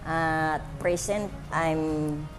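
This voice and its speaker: A woman, a pastor introducing herself slowly and carefully. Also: low-pitched, steady tone. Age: 70s. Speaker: pastor and pole dance student. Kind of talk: slow, measured self-introduction. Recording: distant mic, background music.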